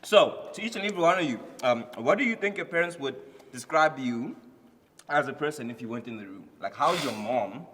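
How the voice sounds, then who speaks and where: A man's voice: medium pitch, lively intonation, fairly quick, fairly bright tone. Slangy male host in a reverberant room. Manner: hyping, repeats phrases. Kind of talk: casual, slangy game-show hosting. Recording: reverberant room, faint noise.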